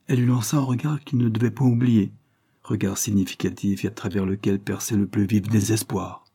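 A man reading a classic novel aloud as an audiobook in measured scripted narration. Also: on the low side, fairly even intonation, vocal fry, mellow, husky. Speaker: audiobook reader.

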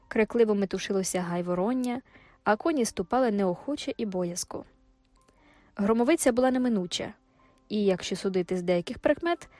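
A woman reading a classic novel aloud as an audiobook narrator, in a measured, even way. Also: on the high side, no room sound.

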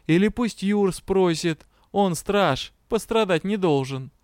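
A man's voice: high voice, expressive, slow pace, a little mellow, smooth, dry recording, studio quality. A man voicing a grumpy, sardonic male dragon who answers curtly and with irritation. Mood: irritated. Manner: curt, irritated, mocking. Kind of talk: audiobook reading.

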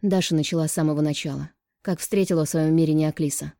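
A woman narrating an audiobook in a calm, even reading voice. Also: sits low, fast, vocal fry, no echo, clean studio sound.

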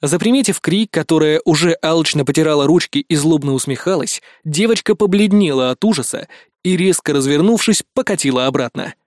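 A man reading a first-person audiobook in a wry, steady storytelling manner into a close studio mic. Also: a little high, brisk, no room sound. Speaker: audiobook narrator.

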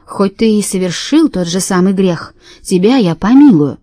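A stern male God booms out slow, commanding verdicts, voiced by a woman reading a storybook. The tone is mellow and warm. The sound is dry and close. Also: lively intonation, dry recording, natural voice. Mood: solemn.

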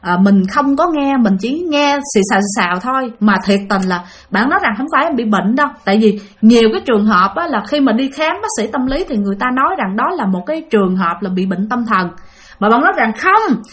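A woman's voice: fairly high pitch, lively intonation, fast talker. A woman telling a listener's ghost story, acting out the quoted voices as she goes. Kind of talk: spoken ghost-story narration.

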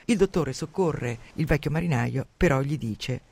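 A man hosting a radio program on literature, retelling and commenting on an adventure novel in a lively, dramatic way. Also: mid-range voice, moderate pace, creaky, dry recording. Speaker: radio host presenting a novel.

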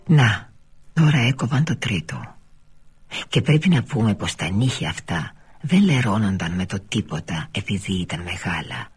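A man reading a literary novel aloud for radio, in a measured way that often sinks to a near-whisper. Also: lowish voice, very animated, slightly rough, faint music behind. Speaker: reader.

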